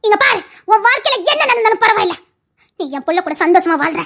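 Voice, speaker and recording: A woman's voice: extremely high pitch, animated, quick pace, vocal fry, a bit bright, exaggerated voice. A woman doing a fond, firm older aunt. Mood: coaxing. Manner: soothing, insistent reassurance. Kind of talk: Tamil audio love story.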